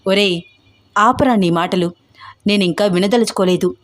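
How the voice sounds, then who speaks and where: A woman voicing a furious, strict middle-aged mother who scolds in shrill outbursts. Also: normal speed, natural voice. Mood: angry scolding.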